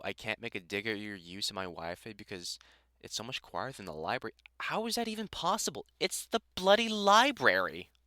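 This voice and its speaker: A man voices a gruff older vampire hunter in a roleplay audio drama, playing a fond, teasing mentor with dry sarcasm who becomes halting when he turns sentimental. His voice is lowish and bright with a forceful tone, on a dry recording.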